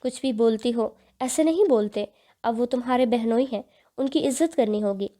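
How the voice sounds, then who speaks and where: Woman reader as a scared young bride, tearful and pleading, high mellow voice. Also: lightly acted. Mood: tender.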